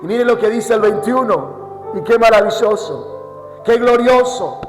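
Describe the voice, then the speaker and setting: A man preaches to a congregation in a very high voice. He moves from hushed, low stretches to shouted, drawn-out declarations. The sound rings with the long echo of a church hall, with soft music underneath. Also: animated. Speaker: pastor. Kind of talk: sermon. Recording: echoey church hall, faint music behind.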